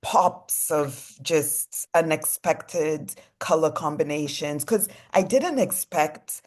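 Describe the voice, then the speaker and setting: A low-pitched young woman from Congo chats easily as a guest in an interview. She speaks in loose, relaxed sentences, leaning on "you know" and "like" as she explains her work. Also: slow pace. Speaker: fashion designer guest. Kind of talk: casual interview chat.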